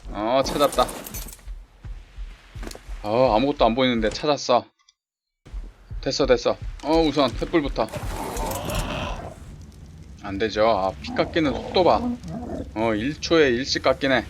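Slow-talking Korean man streaming a game. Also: mid-range voice. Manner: talks to himself and the game creatures, excited exclamations. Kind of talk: casual gameplay commentary. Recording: clear background game noise.

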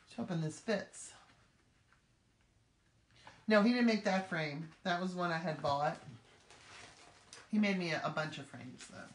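A woman's voice: on the low side, unhurried, pauses often. A middle-aged woman hosting a live craft demonstration, chatty and upbeat, talking as she works. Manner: chatty, upbeat, talks while working. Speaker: craft demo host. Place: craft room with table. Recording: echoey room with clear background noise.

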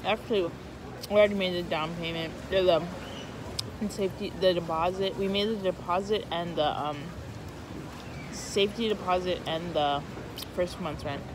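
A man's voice: high-pitched, fairly even intonation, a little slow, long pauses. A man in his twenties chatting casually to camera while eating, rambling with many fillers, outdoors by a beach. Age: 20s. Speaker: vlogger. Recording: loud outdoor city noise.

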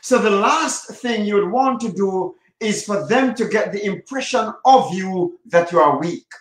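A man speaking as a marriage coach, giving advice in an emphatic way and repeating his key phrases with slow, drawn-out stress. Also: high voice, expressive. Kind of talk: advice talk to camera. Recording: echoey room.

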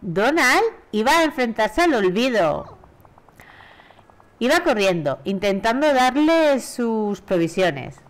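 A woman with a Spain Spanish accent reading aloud the lines of a sweet, lovesick female cartoon mouse from a video game, slowly and gently. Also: on the high side, big pitch swings, voice pushed up. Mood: wistful.

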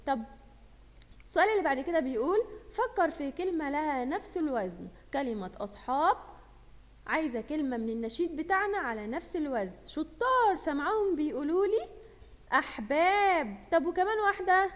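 A high-pitched woman with an Egyptian Arabic accent teaches a lesson to young children. She keeps asking questions and praising the class. Her voice rings with a long reverb, as if recorded in a large hall. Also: animated, brisk. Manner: encouraging, asks questions and praises pupils. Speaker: primary school Arabic teacher.

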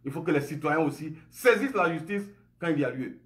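An online commentator from Côte d'Ivoire, a man in his forties with an Ivorian French accent, speaks to camera in a room at home. His fairly high, expressive, slightly bright voice moves fairly quickly through an impassioned monologue. He's indignant and emphatic, gesturing a lot and asking rhetorical question after rhetorical question.

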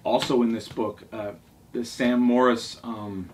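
Sitting at a table in a small furnished room indoors, a vlog host in his forties reviews his favourite books in a casual, enthusiastic, rambling way. His voice is medium-pitched, level in tone, and a little mellow at a measured pace, and the distant mic picks up a noisy room.

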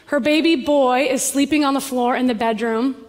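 A woman pastor with a high, bright voice tells a story from the pulpit with animated energy. Her voice rings out through a large church hall, and a long reverb trails each phrase. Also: moderate pace. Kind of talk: sermon.

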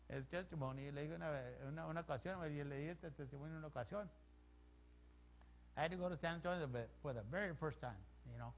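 High-voiced animated bilingual pastor. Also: male voice, slight background noise. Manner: animated, repeats each point in both languages, calls the congregation "hermano". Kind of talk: bilingual sermon, switching between English and Spanish. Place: church.

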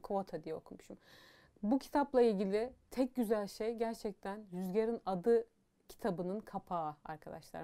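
A young woman chats through a book review in a casual, animated way, opinionated and blunt, her voice soft and warm in tone. She leans on fillers and asides as she goes. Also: medium pitch.

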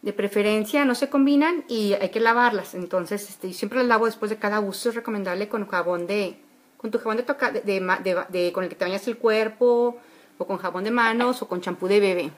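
A woman's voice: mid-range voice, a little fast. A woman, chatting casually through a makeup tutorial at home, with a lot of filler words. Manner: chatty, homely, many fillers. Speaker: beauty vlogger. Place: bedroom at home. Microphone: phone camera at arm's length.

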